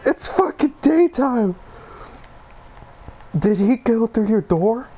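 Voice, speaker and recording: A woman's voice: on the high side, lively intonation, slow pace, dark tone, husky. A woman playing a survival game with a friend, shrieking, swearing and laughing through her fear, tearful from screaming. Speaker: gamer streaming with a friend. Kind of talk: panicked co-op gameplay chat.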